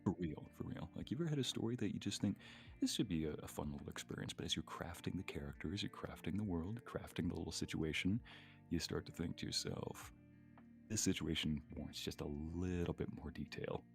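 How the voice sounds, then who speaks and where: A voice actor appearing as a guest creator chats playfully on a live stream in a low, gravelly, expressive voice that runs a little fast. Faint guitar music plays in the background.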